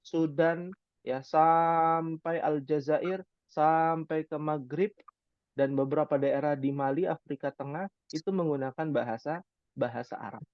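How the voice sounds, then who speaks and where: A man's voice: a little high, fairly even intonation, measured pace, no echo. Man teaching Arabic, dry lo-fi sound. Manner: conversational, rhetorical questions, frequent "ya" fillers. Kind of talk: online class lecture.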